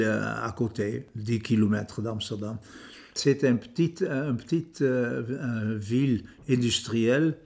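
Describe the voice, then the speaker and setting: A man's voice: mid-range voice, darkish tone. An older man with a Dutch accent, a native Dutch speaker recalling his life in an interview, hesitating and restarting his words often. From Netherlands. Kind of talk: reminiscing interview.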